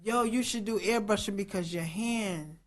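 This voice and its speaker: A woman's voice: mid-range voice, moderate pace. Chatty woman in her fifties hosting. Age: 50s. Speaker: interview host. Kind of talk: casual interview.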